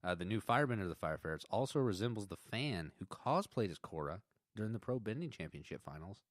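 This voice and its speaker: A man co-hosts a podcast, casually discussing an episode, laughing a lot and tripping over restarts as he reads trivia out loud. His voice is fairly low, very animated and quick, captured in studio quality with no echo.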